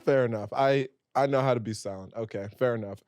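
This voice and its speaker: A man in his twenties hosting a podcast, relaxed and teasing as he asks his guest questions. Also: medium pitch, fast, clean tone, no echo. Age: 20s. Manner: laid-back, teasing, laughs along. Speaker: podcast host. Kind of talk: casual interview.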